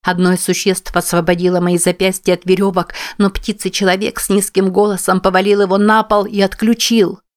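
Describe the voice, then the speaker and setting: A woman's voice: mid-range voice, little pitch movement, fairly quick, hardly any pauses. A woman narrating a tense first-person audiobook.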